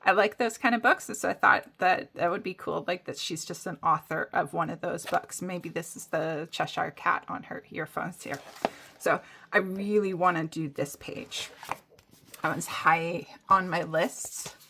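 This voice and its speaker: A woman's voice: lowish voice, steady tone, measured pace, gravelly, pushed and bright, slight background noise. A woman casually chatting on a hobby vlog, rambling through her plans with lots of fillers and restarts. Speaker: coloring hobby vlogger. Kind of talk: casual show-and-tell chat.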